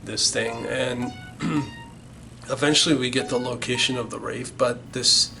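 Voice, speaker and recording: A man's voice: medium pitch, steady tone, unhurried, gravelly, low-quality recording. Middle-aged guy rambling thru an old story, swears constantly, keeps restarting, music playing under him. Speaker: band member recalling the band's origins. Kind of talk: casual storytelling.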